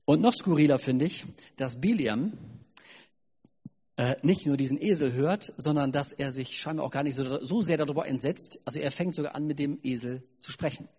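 A man preaching at a family service, retelling a Bible story in a lively, chatty way with asides. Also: fairly high pitch, normal speed, slightly rough. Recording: long hall reverb.

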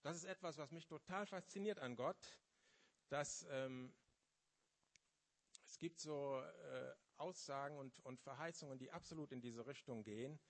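A man in his fifties giving a testimony sermon in a church, often pausing and searching for words before building to fervent emphasis. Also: fairly high pitch, vocal fry. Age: 50s. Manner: halting, searching for words, then rising with fervor. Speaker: lay preacher.

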